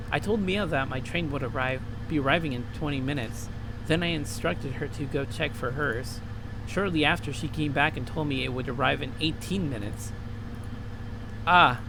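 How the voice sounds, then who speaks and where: In this let's play, a man with a fairly high-pitched voice reads a visual novel aloud over background music and noise. He voices the dialogue, tosses in casual remarks, and trips over words now and then.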